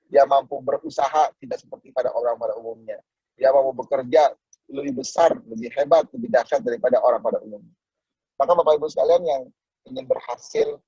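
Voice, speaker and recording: A man's voice: mellow, husky, no room sound. Motivational man on a muffled call. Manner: acts out dialogue and preaches, swings to sudden high exclamations. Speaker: network marketing motivational speaker. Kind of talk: motivational business talk. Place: online video call. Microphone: video call.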